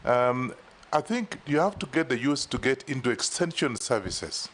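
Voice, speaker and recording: A Kenyan man on a parliamentary panel addresses the nominee directly and emphatically, doubling words to drive a point home. His voice rests at a plain middle pitch. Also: big pitch swings, moderate pace, fairly bright tone. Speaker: member of parliament on a vetting panel. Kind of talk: formal questioning in a parliamentary hearing.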